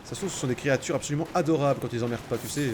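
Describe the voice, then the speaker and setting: A man's voice: mid-range voice, racing, a little mellow, a little hiss or hum. A man commenting casually on his own gameplay, sarcastic and joking, talking to himself and the enemies on screen. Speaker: gamer playing through a game. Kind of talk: casual let's-play commentary.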